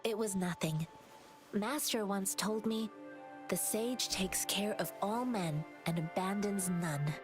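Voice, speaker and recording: A woman voicing a kind, principled young heroine in a game, earnest and gently scolding. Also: medium pitch, slow pace, music in the background, natural voice.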